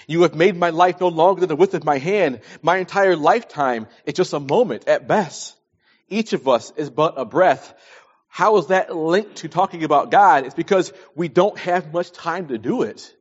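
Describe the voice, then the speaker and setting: Speaking at a normal speed in a voice on the high side, an early-forties man delivers a sermon of scripture readings and plain advice. He's emphatic, repeating phrases to drive points home, captured in dull lo-fi audio.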